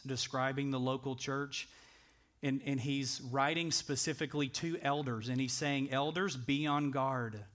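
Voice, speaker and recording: A man's voice: fairly high pitch, a bit bright. Earnest male pastor preaching a sermon. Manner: earnest, conversational preaching that builds to emphatic peaks. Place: church sanctuary.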